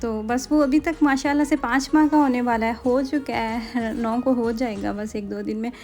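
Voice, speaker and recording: A woman in her thirties from Pakistan with a Pakistani Urdu accent, narrating her family shopping trip in a casual vlog voice-over and often pausing to search for words. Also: a little high, darkish tone. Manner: chatty, rambling with frequent hesitations. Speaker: vlogger.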